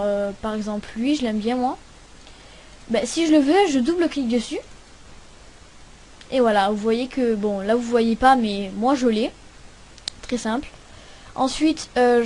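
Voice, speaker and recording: A young woman hosting a casual computer tutorial, talking hesitantly with many pauses and restarts. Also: a little high, darkish tone. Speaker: tutorial host. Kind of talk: casual screen-recording tutorial.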